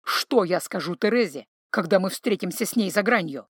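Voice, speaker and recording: Woman reader as conniving fake veteran, low mock-sorrowful sighs, dry read. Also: expressive, normal speed, husky, no room sound. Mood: mournful. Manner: sighing, mock-tragic, sanctimonious. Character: scheming sly middle-aged man, posing as veteran.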